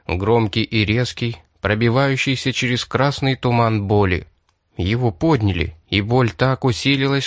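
Guy narrating an audiobook, steady measured reading, dry close sound. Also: mid-range voice, no room sound. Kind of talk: scripted narration.

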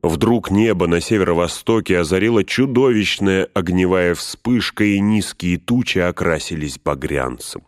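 A man reads an audiobook aloud in an extremely deep voice, measured and steady. The sound is dry and close to the mic. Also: no room sound. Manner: measured, dropping to hushed whispers for quiet speech. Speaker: narrator. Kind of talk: audiobook reading.

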